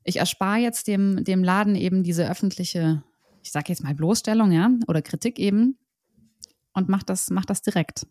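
A woman's voice: medium pitch, normal speed, mellow, no room sound, clean studio sound. Chatty woman podcast co-host. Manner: chatty, laughs often, restarts sentences. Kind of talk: casual chat, reading out reviews.

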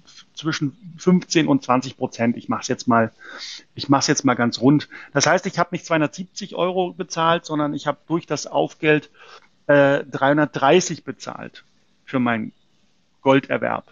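Gravelly-voiced man explaining gold investing. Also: on the high side, fairly even intonation, normal speed, dry recording, muffled recording. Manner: explanatory, hesitant with fillers and restarts. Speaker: precious metals company representative. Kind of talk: conversational interview answers.

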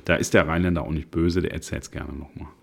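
A man's voice: rumbling low, steady tone, fast, gravelly. A man, co-hosting a casual podcast chat and rambling with restarts. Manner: rambling, many restarts and fillers. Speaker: podcast co-host.

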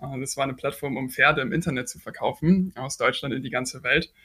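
A man's voice: mid-range voice, a little fast, sharp tone, husky. A man in his twenties, a startup founder, answering podcast questions earnestly with frequent hesitations. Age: 20s. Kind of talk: podcast interview.

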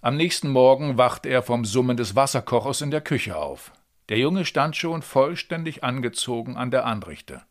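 A man reads a novel excerpt aloud with calm, measured narration. His voice sits at an ordinary pitch and his delivery is steady and unhurried. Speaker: reader of a German translation. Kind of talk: literary reading.

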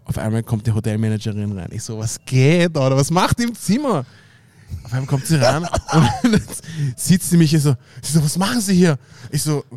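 A man's voice: mid-range voice, animated, a little fast, a little mellow, no echo. A young man with an Austrian German accent, rambling through an anecdote in casual slang with lots of fillers. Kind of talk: casual chat.

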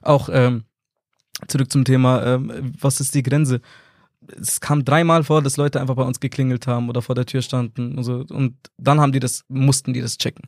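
A young man in his twenties from Germany, telling lively anecdotes in casual conversation, acting out quotes and laughing often. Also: mid-range voice, normal speed, no room sound, studio quality. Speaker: content creator and singer, guest.

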